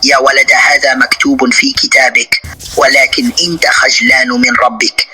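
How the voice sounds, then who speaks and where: A man's voice: mid-range voice, little pitch movement, normal speed, bright, forceful tone, soft background music, poor audio. A man hosting a heated religious debate as a sheikh, combative and scornful, cutting in with insults.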